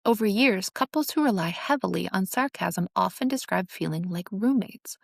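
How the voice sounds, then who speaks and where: A woman's voice: mid-range voice, lively intonation, moderate pace, creaky, no echo, clean studio sound. A woman hosting a show, giving an earnest, instructive talk on relationships. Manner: earnest, instructive, acts out sarcastic examples. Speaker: host. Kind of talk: teaching monologue on relationships.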